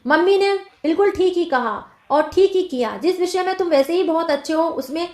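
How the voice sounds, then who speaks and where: A woman reading the lines of a stern, quick-tempered adult woman who scolds firmly. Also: very high-pitched. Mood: scolding. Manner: scolding, firm reading of dialogue. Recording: roomy echo.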